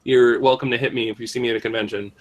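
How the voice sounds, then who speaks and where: Man, podcast host, casual chat, joking, rambling, self-mocking, mid-pitched voice. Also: flat delivery, very fast.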